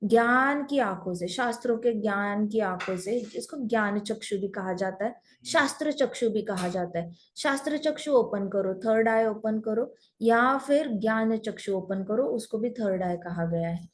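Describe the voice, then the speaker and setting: A woman's voice: mid-range voice, normal speed. A woman teaching a scripture class through storytelling, mixing in English phrases.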